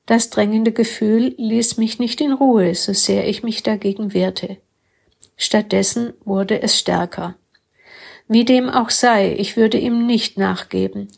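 A woman reading a first-person story aloud with calm, steady narration. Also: medium pitch, takes it slowly, vocal fry, husky. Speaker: story reader.

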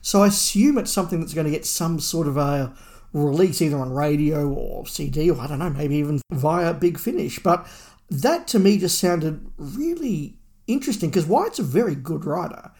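A podcast co-host with a slightly high, darkish voice and lively intonation talks at a normal speed. He muses casually through the latest Doctor Who fandom news.

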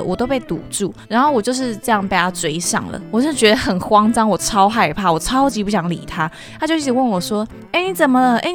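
A young woman, hosting a podcast and telling a personal story in a candid, chatty, earnest way. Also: medium pitch. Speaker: podcast host.

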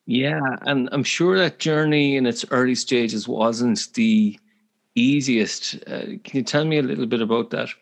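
A middle-aged man with an Irish accent hosts a conversational interview. His pitch is average for a man. He builds his questions in a hesitant, wordy way. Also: measured pace, gravelly. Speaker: podcast host, interviewer.

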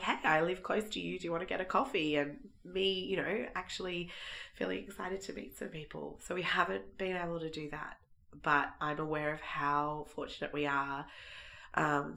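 Aussie woman w a croaky froggy cold voice, low n gravelly, chatting casually on her podcast. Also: pushed and bright. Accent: Australian. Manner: chatty, informal, thinking aloud. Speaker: podcast host. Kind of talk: casual solo podcast life update.

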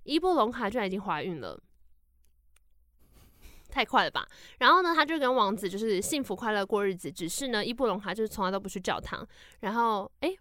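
A woman hosting a podcast, retelling a folk tale in casual, animated, jokey chat. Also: medium pitch, fairly quick, dry recording, clean studio sound. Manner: animated, jokey, laughs often. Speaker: podcast host.

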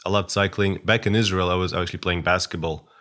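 A man's voice: low-pitched, steady tone, fast, a bit bright. A man, a guest chatting casually and hesitantly, with many fillers and restarts. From Russia. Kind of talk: casual interview chat.

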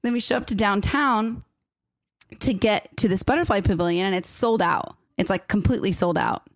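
A woman's voice: medium pitch, normal speed, dry recording, clean studio sound. A woman in her thirties chatting casually, rambling and emotional, with "like" in every sentence. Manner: rambling, says "like" constantly, emotional. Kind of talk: casual chat.

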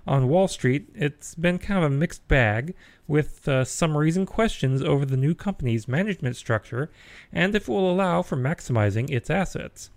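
A man's voice: a little high, expressive, normal speed, no room sound. A man hosting a geeky news podcast, chatty, with wry asides and frequent fillers. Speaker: podcast host.

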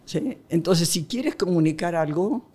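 A woman's voice: fairly low pitch, expressive, measured pace, mellow, breathy edge. A woman guest explaining relationship communication in a casual conversation, often asking rhetorical questions.

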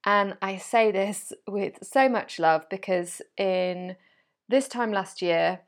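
Chatty woman with a gravelly edge. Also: medium pitch, takes it slowly. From Wales. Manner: chatty and rambling, laughs often, self-deprecating. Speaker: podcast host, life coach. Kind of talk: casual solo podcast talk.

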